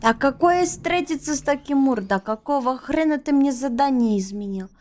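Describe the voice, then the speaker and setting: A young woman streams a video game, her high, expressive voice carrying a darkish tone at a normal speed. She comments casually, playful and crude, muttering to herself as she plays.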